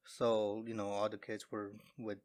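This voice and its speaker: A man's voice: on the low side, monotone, unhurried, darkish tone. A man co-hosting a podcast, talking casually and hesitantly with many fillers and restarts. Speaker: podcast co-host. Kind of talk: casual chat.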